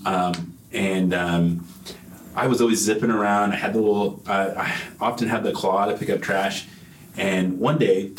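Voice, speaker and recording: A man's voice: low voice, steady tone, moderate pace. A man telling a playful story in casual chat at a group meeting, building suspense. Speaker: church group member. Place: meeting room. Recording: echoey room with faint noise.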